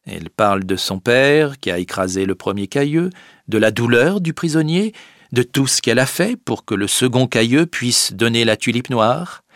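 A man narrating a storybook tale in a plain, steady way. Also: mid-range voice, normal speed, dry recording, clean studio sound. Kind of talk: storybook reading.

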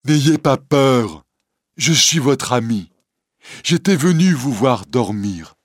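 A man voicing a gentle, devoted deaf hunchback in a storybook reading, earnest and pleading. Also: medium pitch, animated, dry recording, studio quality, pitched above the performer's own voice. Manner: earnest, pleading, raised and slow.

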